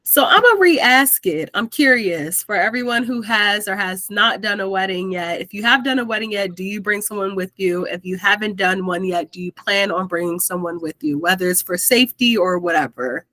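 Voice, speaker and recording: A woman's voice: medium pitch, moderate pace, few pauses, pushed and bright, dry recording. Chatty woman hosting a video call. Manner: chatty, says "like" often, laughs easily. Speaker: host of an officiant meetup. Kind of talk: casual group video call chat.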